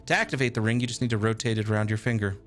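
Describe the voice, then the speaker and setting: A male streamer reading a video game's text aloud with a steady storytelling delivery. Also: fairly low pitch, very fast, soft background music.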